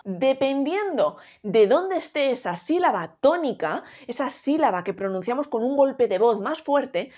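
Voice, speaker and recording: Woman teacher, animated higher voice, careful syllable-by-syllable teaching, dull lo-fi recording. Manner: clear, drawn-out syllables for teaching. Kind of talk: explaining a Spanish grammar lesson. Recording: dull lo-fi sound.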